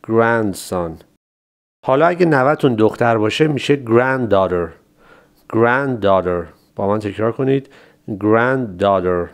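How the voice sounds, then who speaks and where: A man teaching English family words to learners, politely, drawing out each word slowly for them to repeat. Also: mid-range voice. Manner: slow, drawn-out repetition of words for learners; polite, formal greeting. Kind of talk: vocabulary lesson.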